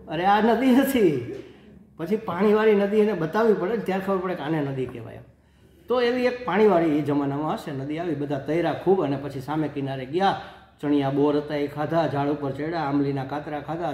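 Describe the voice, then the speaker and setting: A man, a spiritual teacher giving a discourse in a lively, folksy, conversational storytelling manner. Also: fairly high pitch. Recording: echoey room.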